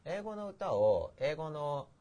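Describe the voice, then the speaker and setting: A man's voice: fairly high pitch, sing-song, slow pace, dark tone. A middle-aged man hosting a casual podcast chat, rambling and poking fun at himself as he explains his ideas. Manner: rambling, self-deprecating, laughs at himself. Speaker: host.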